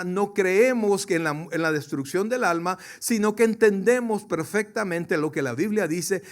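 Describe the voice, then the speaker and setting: Male pastor, high voice, emphatic sermon delivery with rising and falling volume, talks straight to the congregation. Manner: emphatic preaching, swings from soft to loud; addresses the congregation directly, asks questions.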